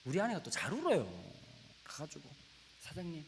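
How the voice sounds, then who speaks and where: A man in his forties preaching a sermon, telling a family story with lively acted-out dialogue and sudden drops to a whisper. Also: a little high, a little fast, creaky. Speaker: pastor. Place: church sanctuary. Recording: echoey church hall with faint hiss.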